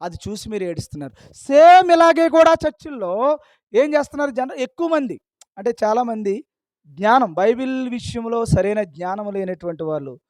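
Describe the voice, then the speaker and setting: A man's voice: extremely high pitch, lively intonation, normal speed, no echo, studio quality. A man preaching a sermon, scolding his listeners with a stream of rhetorical questions.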